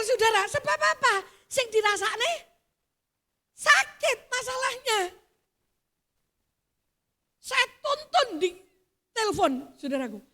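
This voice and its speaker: A Javanese-accented woman pastor with a very high, bright voice preaches to her congregation. She tells the story in a low, hushed tone, then breaks into loud, emphatic outbursts. She is middle-aged and slips Javanese words into her sermon. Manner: shifts from quiet storytelling to loud emphatic exclamations, mixing in Javanese. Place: church service.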